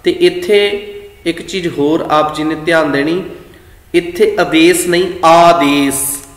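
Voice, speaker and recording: Slow, deliberate Punjabi teacher in an echoey hall. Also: male voice, fairly high pitch. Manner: slow, deliberate, draws out words to show pronunciation; chants scripture lines in a sung tone. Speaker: Gurbani pronunciation teacher. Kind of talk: slow religious teaching talk. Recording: echoey room with long reverb.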